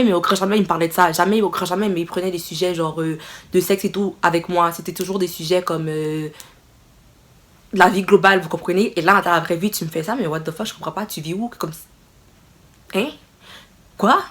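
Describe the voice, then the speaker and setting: Young woman, slightly low voice, expressive, exclaiming storyteller, casual vlog chat. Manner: expressive, exclaiming, dramatic retelling. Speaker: vlogger.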